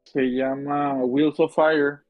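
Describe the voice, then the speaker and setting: A man's voice: on the high side, level tone, slow pace, no room sound, narrow, tinny audio, soft background music. A man with a northern Mexican accent chatting casually in slang as a podcast co-host, rambling and repeating his phrases. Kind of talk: casual slangy chat about films and music.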